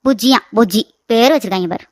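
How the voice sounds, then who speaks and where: A woman voicing a bickering older mother-in-law in a cartoon comedy, scolding with quick sarcasm. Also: a little high, no room sound, studio quality, lightly acted.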